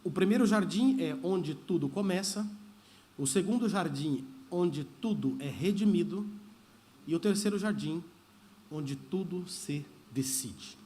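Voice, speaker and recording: A man's voice: sits high, expressive, measured pace, warm tone. A man preaching a sermon as pastor, talking in a conversational way and slipping into Spanish phrases. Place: church service.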